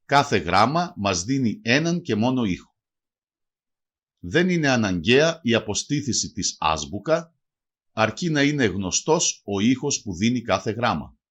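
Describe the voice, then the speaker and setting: A man narrates a language lesson from a prepared script, his voice sitting at an ordinary pitch for a man. His delivery moves up and down lively through each phrase. He slows right down to spell out example words with care. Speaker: language teacher.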